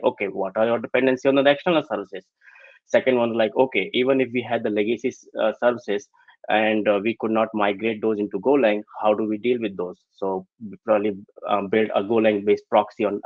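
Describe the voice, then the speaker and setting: Halting male tech speaker on dull call audio. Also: lowish voice, fairly even intonation, no echo. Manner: halting, filler-heavy delivery. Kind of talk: technical presentation. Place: remote, over online call.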